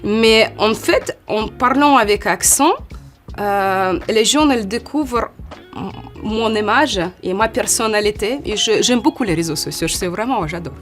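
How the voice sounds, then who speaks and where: A woman in her forties from Ukraine with a Ukrainian accent, a model answering interview questions in a halting way, often restarting. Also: medium pitch, fairly bright tone, faint music behind. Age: 40s. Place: photo studio.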